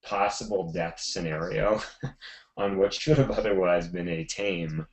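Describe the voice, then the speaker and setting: A middle-aged man telling stories from his work as a photographer in a casual webinar chat, animated and full of fillers and restarts. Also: low voice, measured pace, poor audio. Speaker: photographer guest.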